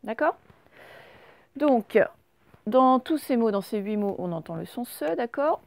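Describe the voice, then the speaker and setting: A woman teacher with a fairly high voice, a gravelly edge and very dry sound. She gives a reading lesson to small children, stretching each word out and checking they follow along. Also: lively intonation, darkish tone, dry recording. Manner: slow, carefully sounded-out words; patient, questioning teacher voice. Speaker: primary school teacher.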